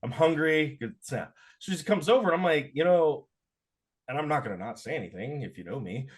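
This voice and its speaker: A young man co-hosting a podcast, telling a story in a casual, animated rant full of swearing and filler words. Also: fairly high pitch, a little fast. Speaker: podcast co-host.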